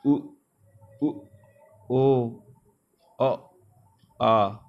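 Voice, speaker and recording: A man's voice: medium pitch, muffled recording. A man teaching a grammar lecture, repeating key terms, asking rhetorical questions and correcting himself. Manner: self-correcting with "sorry".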